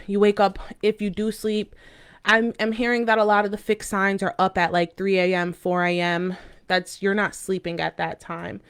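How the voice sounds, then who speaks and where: A woman giving a casual, mystical horoscope and tarot card reading to viewers in a halting, informal way with intuitive asides. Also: medium pitch, clear, resonant tone.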